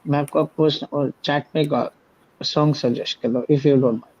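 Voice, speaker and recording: A man with a fairly high voice jokes playfully with the others in a casual chat. His voice comes through muffled, lo-fi call audio. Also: steady tone, moderate pace, a little mellow. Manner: joking, playful. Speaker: livestream guest. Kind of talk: casual online group chat. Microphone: video call.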